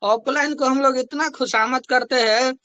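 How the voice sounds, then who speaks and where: Young guy telling a sales success story, super high pitched, chatty and repetitive. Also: steady tone, normal speed, pushed and bright, no echo. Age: young adult. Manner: conversational, repeats phrases for emphasis. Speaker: network marketing distributor. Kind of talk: motivational storytelling.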